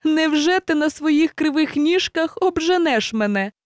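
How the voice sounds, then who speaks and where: A woman's voice: sits high, lively intonation, a little slow, dry recording, clean studio sound, pitched above the performer's own voice. A woman voicing a mocking, arrogant male hare in a storybook reading. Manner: mocking, scornful.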